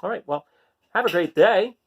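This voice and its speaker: A man with a high, breathy-edged voice reads to children at normal speed. He brings lively expression to the sound words and pauses for simple, casual conversation with the kids listening.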